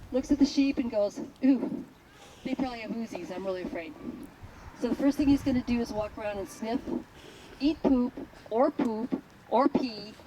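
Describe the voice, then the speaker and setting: A woman herding instructor explaining a test to a class outdoors in a blunt, joking, animated way. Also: fairly high pitch. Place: outdoors at a sheep field. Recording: outdoor recording with traffic noise.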